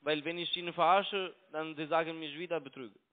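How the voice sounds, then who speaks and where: In an argumentative call over a tinny, narrow-band line, a young adult scam caller keeps insisting and repeating himself. He speaks broken, non-native speech with a foreign accent, and his first language is not German. His pitch is fairly high, his intonation fairly even, his pace fairly quick.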